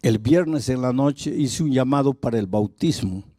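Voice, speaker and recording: A man's voice: medium pitch, measured pace, mellow, dry recording, clean studio sound. A male pastor preaching a sermon, telling a story dramatically and vividly.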